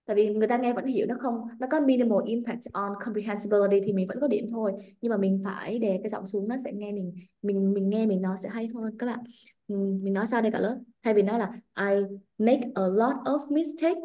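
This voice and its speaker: A woman with a Vietnamese accent runs a live online English speaking class. She reads model answers slowly and then explains in quick, animated bursts. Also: mid-range voice. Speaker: English teacher.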